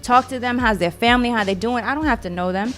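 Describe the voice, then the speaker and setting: A woman's voice: on the high side, fast, fairly bright tone. A woman in her thirties, chatting animatedly as a guest on a talk show. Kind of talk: casual chat.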